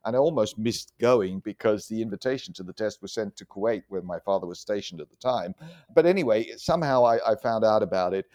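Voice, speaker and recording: Reflective and conversational, this interview guest tells his life story in a fairly low, slightly mellow, expressive voice at a fairly quick pace. He is a middle-aged physician from Germany who grew up abroad, and he explains carefully, frequently repeating words.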